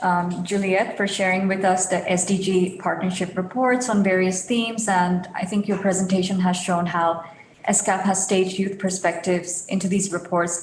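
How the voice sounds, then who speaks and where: A woman's voice: on the low side, echoey room, a little hiss or hum, poor audio. A woman moderating a virtual forum, introducing speakers formally with frequent ums. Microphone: video call.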